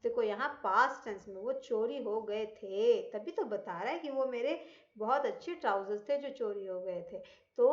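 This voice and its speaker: Here a woman's slightly high voice carries an Indian accent as she teaches English grammar. Explanations come in Hindi, English examples are read out slowly, and she answers the very questions she asks the class, all captured in an echoey, dull, lo-fi room.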